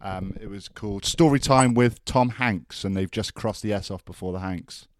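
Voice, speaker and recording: A man from Wales with a Welsh accent co-hosts a podcast, trading casual, joking banter and laughing often. His voice is lowish and he speaks at normal speed.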